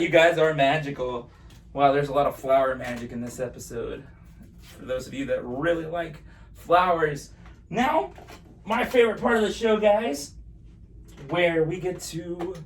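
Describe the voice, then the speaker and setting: Guy doing kids party magician patter, kinda high voice, playful and chatty, bit of room noise. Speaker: magician hosting a live magic show. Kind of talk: live kids' magic show patter. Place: at home in an apartment. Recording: distant mic, noisy room ambience.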